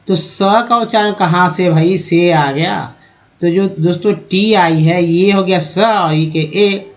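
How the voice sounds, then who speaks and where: Man from India, English phonics teacher, slightly high voice, asks questions, explains step by step. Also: slow pace. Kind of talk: spoken phonics lesson.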